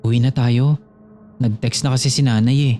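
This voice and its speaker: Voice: mid-range voice, fairly even intonation, normal speed, warm tone, natural voice. A man speaking as a carefree young companion. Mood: offhand.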